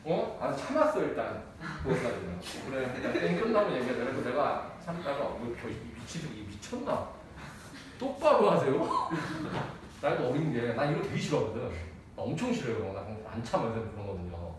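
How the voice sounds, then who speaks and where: During a casual math lecture, a man tells a personal story in blunt, slangy language, laughing often. His medium-pitched voice is sing-song and brisk. The recording is noisy, with an echoey room and a distant mic.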